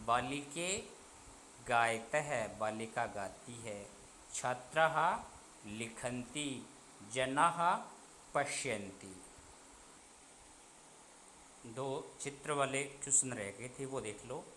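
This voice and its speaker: Man, teacher, slow deliberate lesson, bright voice, asks and answers himself. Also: mid-range voice, slight background noise. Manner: slow, deliberate drilling of words, questions then answers. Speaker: Sanskrit teacher. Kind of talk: online class lesson.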